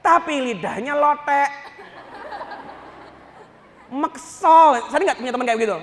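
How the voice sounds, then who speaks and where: High-voiced joking male preacher. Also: slow pace, long reverb tail, a little hiss or hum. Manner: joking, animated storytelling. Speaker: Islamic preacher. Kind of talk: humorous religious lecture.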